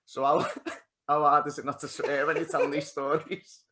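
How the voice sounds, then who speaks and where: A man's voice: on the high side, moderate pace. Young-ish male podcast host, easygoing questions, faint background noise. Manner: brief backchannel replies, relaxed questions. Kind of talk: casual podcast interview.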